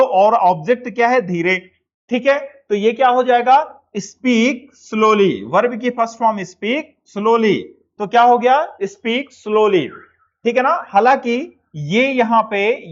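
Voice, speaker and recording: High-voiced man teaching English. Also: lo-fi sound. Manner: asks and answers his own questions, says model sentences very slowly. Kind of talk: classroom lesson.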